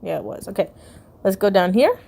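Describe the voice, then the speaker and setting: A woman in a relaxed gaming video talks through what she finds. Her voice is mid-pitched and chatty. She giggles and reacts out loud, and she stumbles now and then when reading aloud. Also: brisk, gravelly, breathy edge. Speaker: video game YouTuber. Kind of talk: casual commentary while browsing a game's secret files.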